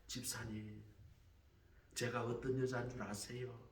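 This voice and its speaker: A man's voice: medium pitch, little pitch movement, a little slow, close to an everyday voice. A man voicing a troubled young mother who tearfully confesses her past, heard from a distance in a roomy hall.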